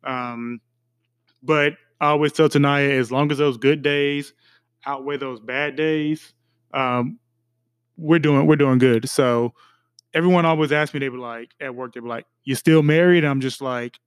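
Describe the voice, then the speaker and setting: Young man, smooth resonant voice, dry close sound, relaxed podcast chat. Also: mid-range voice, unhurried, no room sound. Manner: relaxed, reflective, with many fillers and restarts. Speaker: podcast co-host. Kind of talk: casual chat.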